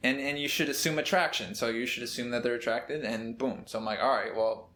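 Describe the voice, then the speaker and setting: A man's voice: mid-range voice, fairly even intonation, a little fast, a bit bright. Laid-back young man telling a story. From Minnesota. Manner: laid-back, rambling with many fillers and laughs. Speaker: medical student, podcast co-host. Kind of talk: casual storytelling chat. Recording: echoey room.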